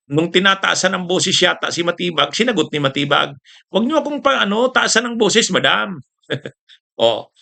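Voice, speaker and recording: A man's voice: a little high, gravelly, pushed and bright. A Filipino man hosting casual political commentary, chatty, with laughing asides and rhetorical checks to his audience.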